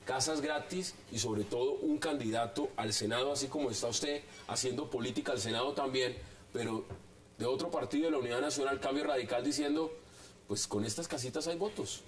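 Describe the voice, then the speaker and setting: A man hosting a televised debate, introducing guests and putting brisk, pointed questions to them. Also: medium pitch. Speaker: TV host and moderator. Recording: voice a bit far from the mic.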